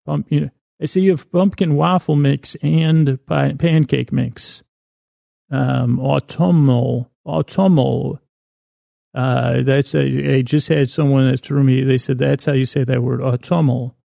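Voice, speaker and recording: Meandering and whimsical, this man hosts a bedtime podcast, poking fun at himself as he stumbles over and repeats words. The creaky, mellow mid-range voice comes through in studio quality with no echo.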